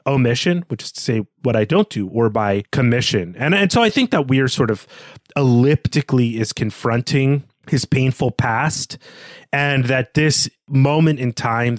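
A podcast co-host with a medium-pitched voice works through a literary discussion, analytical and explanatory, adding clarifying asides. The recording is dry.

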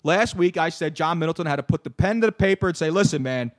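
Man, thirties, sports talk host, animated rant, high pitch, dry recording. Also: fast, no echo. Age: 30s. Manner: animated, ranting, repeats words. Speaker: podcast host.

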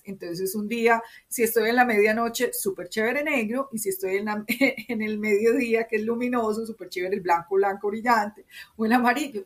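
A woman from Medellín with a Colombian paisa accent, speaking as an interview guest and explaining in an expressive, conversational way that often checks in with tag questions. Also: a little high. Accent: Colombian paisa (Antioquia).

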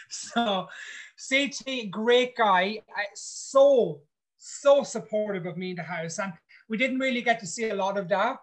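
This reality show contestant's voice sits high, and he keeps a measured pace. Chatting casually in an interview, he's outspoken and blunt, with plenty of swearing.

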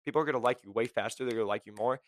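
A young man rattles through a motivational podcast at a quick clip, blunt and fired up. His voice sits at an ordinary pitch and sounds close and dry, with no room around it. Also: dry recording. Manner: high-energy, blunt, fast-talking, lots of "like" and "right?". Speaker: podcast host. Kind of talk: motivational career podcast talk.

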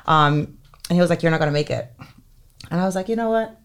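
A clean-toned, low-pitched woman's voice at a quick pace belongs to an entertainment lawyer from Finland in her thirties. Appearing on a podcast, she keeps the interview casual and chatty, sprinkling in lots of "um" and "like."

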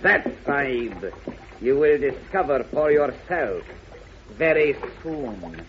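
A muffled old radio recording carries a mysterious servant of a genie. He speaks slowly and formally, with a solemn, mystical air suited to a 1940s adventure serial. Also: medium pitch, very animated, slight background noise. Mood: solemn, ominous. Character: mysterious turbaned tall man, servant of a genie.

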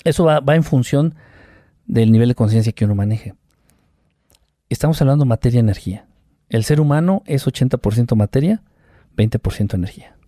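A Mexican man tells his stories with lively energy, jumping up in pitch whenever he acts out what someone said. His voice is mellow and the sound is dry and close. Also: a little fast, pauses often, dry recording. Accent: Mexican Spanish. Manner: animated storyteller who acts out quotes with sound effects. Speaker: guest, UFO contactee. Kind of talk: casual storytelling interview.

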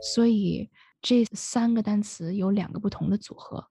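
A woman teaching English pronunciation in Mandarin, switching into English and modeling words slowly. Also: mid-range voice, creaky, mellow, slightly rough, no echo, faint music behind. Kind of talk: bilingual pronunciation lesson.

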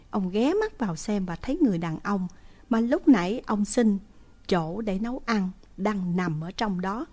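A woman narrates a horror tale from a script. Her voice sits at a middle pitch for a woman, and she delivers the account as a storyteller reading ghost stories to listeners. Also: darkish tone.

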